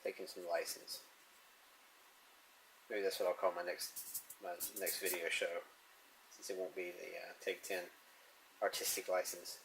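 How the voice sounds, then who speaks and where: A man's voice: sits low, level tone, measured pace, gravelly, pauses often, a bit bright, a little hiss or hum, poor audio. A man musing and chuckling to himself as he draws, talking casually about comics and his sketch. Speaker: artist drawing on camera. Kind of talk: casual narration while drawing.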